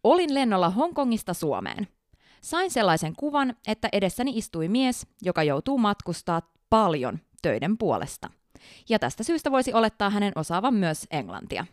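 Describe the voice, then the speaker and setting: A woman co-hosting a casual podcast as a flight attendant, telling stories in an animated way and laughing often. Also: mid-range voice, no echo, studio quality. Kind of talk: casual podcast chat, reading listener stories.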